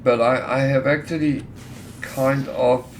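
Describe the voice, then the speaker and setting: A man's voice: medium pitch, fairly even intonation, a little slow. A middle-aged man chatting casually while gaming on a livestream, hesitant with many fillers and restarts. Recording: clear background noise.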